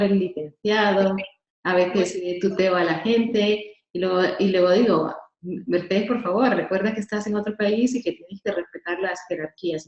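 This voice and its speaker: A woman moderates a webinar and chats about her own experiences, filling pauses and repeating words. Her voice sits a little low. The sound is dull and echoey over a computer mic. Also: darkish tone. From Honduras. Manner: chatty, with frequent fillers and repeated words.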